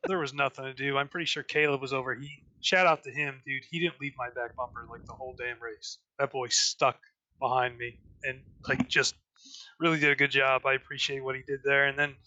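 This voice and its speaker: Bright-voiced man telling race stories. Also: medium pitch, fairly quick, dull audio. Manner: relaxed storytelling, laid-back slang. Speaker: guest racing driver. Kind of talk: casual podcast chat.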